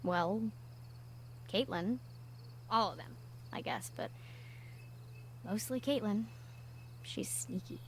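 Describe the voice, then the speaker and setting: An actress playing a moody young woman camp counselor in a video game, sulky and soft-spoken. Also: medium pitch, takes it slowly, long pauses, lightly acted. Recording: game audio with noise and crickets.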